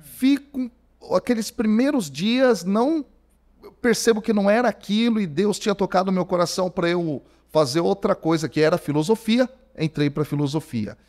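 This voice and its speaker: This Brazilian man in his 40s is a theology professor appearing as a guest on a podcast, recorded on a studio microphone in a podcast studio. He tells his story casually in a conversational interview, an animated storyteller who leans on fillers like "cara." His voice is high-pitched, his pace moderate, and he has a Brazilian Portuguese accent.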